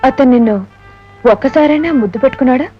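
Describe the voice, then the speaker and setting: A woman's voice: sits high, fast talker, close to an everyday voice. Actress as crafty rich young woman, coaxing tone, lo-fi film audio. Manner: coaxing, persuasive. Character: scheming well-off young woman. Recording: dull film soundtrack with music.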